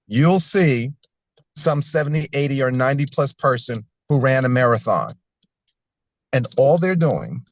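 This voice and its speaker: A man's voice: mid-range voice, no room sound. A man giving a wellness presentation as a nutrition and fitness speaker, talking in a coaching, conversational way and checking in with listeners.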